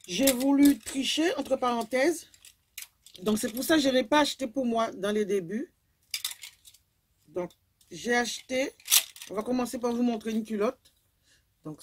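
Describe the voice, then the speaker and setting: A woman's voice: on the high side, husky. A woman, casually chatting through a clothing haul video and rambling with lots of fillers. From Guadeloupe. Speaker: vlogger.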